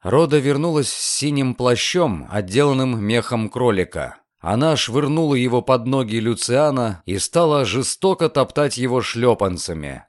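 A man narrating a novel as an audiobook, with an expressive reading. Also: mid-range voice, moderate pace, few pauses, no echo, studio quality.

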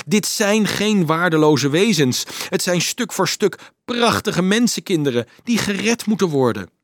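Male reader as a guilt-ridden middle-aged swindler, earnest confession, lively intonation, dry sound. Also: a little high, no room sound, pitched above the performer's own voice. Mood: pleading. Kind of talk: audiobook character voice.

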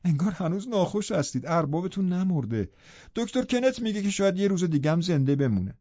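A gossipy village housekeeper woman chatters away in a raised, high voice, as a male narrator puts her on. The tone stays dark and mellow under the pitch, recorded dry and slightly dull in this storybook reading. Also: lively intonation, no room sound. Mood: soothing.

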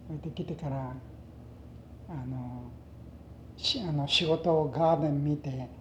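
An older man with a western Japanese dialect reminisces in an interview, haltingly telling anecdotes and mixing in English words. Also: a little high, a bit bright. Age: older, retired. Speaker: oral history interviewee. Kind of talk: reminiscing in conversation. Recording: echoey, muffled, noisy interview recording.

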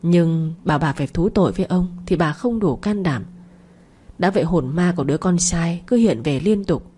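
A woman narrating a dramatic family story in a steady, expressive way. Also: fairly low pitch, moderate pace, husky.

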